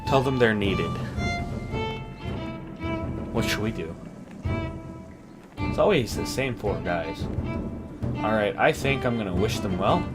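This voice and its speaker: A man's voice: on the low side, lively intonation, slow pace, pauses often. A man hosting a let's play, reading game story text aloud and breaking off to comment casually. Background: game soundtrack music.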